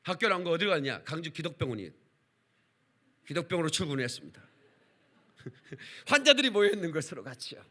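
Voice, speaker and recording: Animated, bright-voiced preaching pastor. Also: male voice, on the high side, fairly quick, long pauses. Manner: animated, calls for congregation responses, acts out quotes. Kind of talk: lively revival sermon with storytelling. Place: church service.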